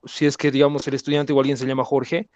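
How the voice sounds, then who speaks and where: A man's voice: medium pitch, little pitch movement, fast talker, darkish tone, dry recording, highs cut off. A male student asking a question in an online class, hesitant with many fillers.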